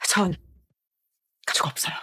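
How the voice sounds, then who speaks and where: A woman's voice: a little slow, pushed and bright, slight background noise. An actress voicing a wronged, grieving young pregnant woman who defies her family in a dubbed TV drama. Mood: defiant, grieving. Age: young adult. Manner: tearful, pleading defiance. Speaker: pregnant niece.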